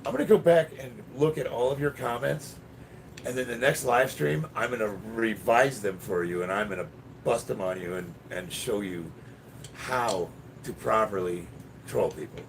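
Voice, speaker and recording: A man with a raspy, smoker-like voice chatting casually and bluntly on a livestream about his workout, swearing and bantering with commenters. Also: medium pitch, normal speed. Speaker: livestreamer lifting weights. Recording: distant mic with loud background noise.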